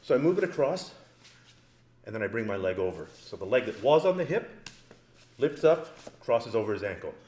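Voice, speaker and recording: A very animated grappling instructor with a mid-range, slightly mellow voice speaks at a moderate pace, leaving long pauses. In an echoey training mat room, he demonstrates moves on a partner, joking around and explaining every step.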